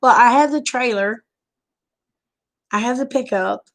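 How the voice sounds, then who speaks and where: An American woman chatting casually and a little unfocused from lack of sleep, in a folksy, homey way with endearments, as if to livestream viewers. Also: on the high side. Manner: sleep-deprived, unfocused, slow to follow. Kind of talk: casual rambling chat.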